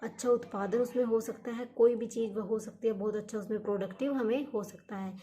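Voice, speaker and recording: Woman teacher going over vocab words, mellow voice, keeps repeating stuff, asks herself questions. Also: fairly high pitch, steady tone, brisk. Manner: repeats each word and meaning many times, asks and answers her own questions; encouraging, urges students to study hard. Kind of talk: exam-prep vocabulary lesson.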